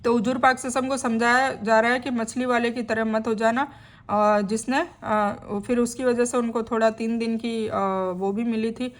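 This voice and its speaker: A woman's voice: fairly high pitch, little pitch movement, normal speed. A woman reading a scripture translation aloud and then explaining each passage in plain, conversational words. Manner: adds friendly check-ins to the listener. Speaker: Quran translation teacher.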